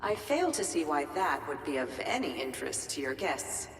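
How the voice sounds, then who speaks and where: A woman's voice: deep voice, very animated, normal speed, slight background noise. A woman voicing a precise, formal female workshop AI with a dry, matter-of-fact manner. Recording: echoey hall from far off with game music.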